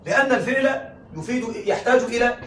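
A man's voice: very high-pitched, fast, bright, forceful tone. A male teacher giving a classroom lecture, often checking that the class follows and laughing lightly as he explains. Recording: echoey room, mic at a distance.

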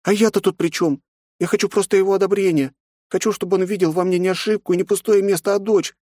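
A man voicing a hurt teenage girl who pleads with her father in a high, tearful voice. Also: steady tone, quick pace, warm tone, no room sound, clean studio sound. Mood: upset.

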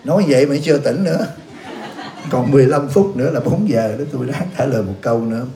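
Blunt Buddhist monk in echoey hall. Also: male voice, medium pitch, lively intonation, quick pace, creaky, mellow, slight background noise. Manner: blunt, scolding, teasing the audience with laughs. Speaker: Buddhist monk answering questions. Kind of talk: dharma talk to a hall audience. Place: youth center hall.

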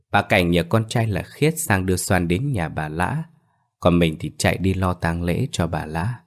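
A man narrating a ghost story in a steady, measured reading. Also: low voice.

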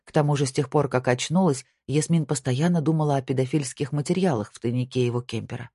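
Husky female audiobook narrator. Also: very deep voice, quick pace, dark tone, dry recording, studio quality. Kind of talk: scripted narration.

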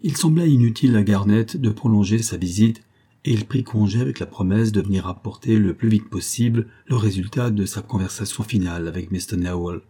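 Male narrator for a classic novella, low, husky, even literary delivery. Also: fairly quick. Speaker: audiobook reader.

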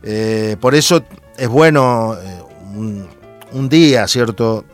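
A man's voice: mid-range voice, slow, faint music behind. A man from Argentina with an Argentine accent, hosting a radio talk show and speaking hesitantly with many fillers. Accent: Argentine Spanish.

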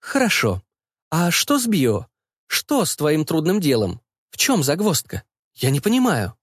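A man's voice: a little high, wildly swooping pitch, unhurried, husky, dry recording, studio quality, pitched above the performer's own voice, exaggerated voice. Man putting on a bossy doting mother. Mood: prying. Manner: insistent, scolding, fussy. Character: bossy, doting, meddling middle-aged mother.

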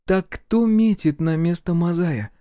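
A man's voice: high voice, unhurried, warm tone, smooth, dry recording, studio quality, pitched above the performer's own voice. A man voicing a hot-tempered young woman fighter, snapping and scornful, in an audiobook. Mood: probing. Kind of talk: audiobook character voice.

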